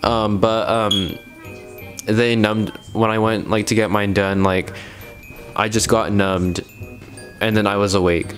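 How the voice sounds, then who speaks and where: Young man, lowish voice, slight retainer lisp, hesitant casual rambling, vlogger chat, music playing behind. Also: flat delivery, slow, pauses often. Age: young adult. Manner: hesitant, rambling speech full of "like". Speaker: video blogger.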